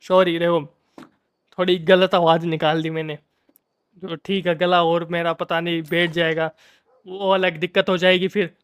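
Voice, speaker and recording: A man's voice: a little high, level tone, measured pace, fairly bright tone, clean tone. A man giving casual, jokey commentary while playing a game, playfully scolding the characters on screen. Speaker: gamer.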